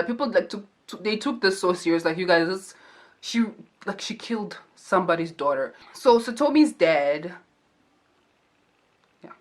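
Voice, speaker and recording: A young woman talks through a true crime case in loose, casual commentary, packing her speech with "like" and slangy asides. Her voice sits a little low for a woman. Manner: chatty, filler-heavy, slangy asides. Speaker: true crime and makeup YouTuber.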